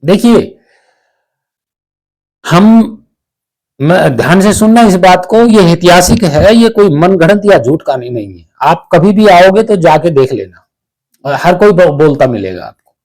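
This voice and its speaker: A man giving a slow, explanatory spiritual discourse, often checking that listeners follow. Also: sits high, animated, darkish tone. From Haryana, India. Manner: slow, explanatory, asks "ठीक है" to check understanding. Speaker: spiritual teacher.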